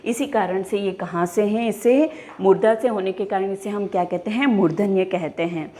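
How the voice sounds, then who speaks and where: A woman teaching a class, speaking slowly and clearly, spelling out each sound and asking her pupils questions as she goes. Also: medium pitch, warm tone. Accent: Hindi. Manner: slow, deliberate, enunciating each sound and posing questions to pupils. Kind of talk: classroom lesson.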